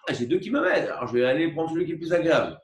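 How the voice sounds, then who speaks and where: A man teaching a religious lesson, explaining slowly with many repetitions and asides and asking for agreement. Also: on the high side, animated. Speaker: Torah teacher. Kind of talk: religious lecture with a parable. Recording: echoey room recorded from far off.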